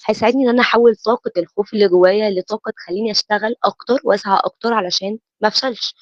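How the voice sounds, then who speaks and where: A woman's voice: medium pitch, dry recording, dull audio. A woman with an Egyptian Arabic accent giving a motivational self-help lecture, posing questions and answering them herself.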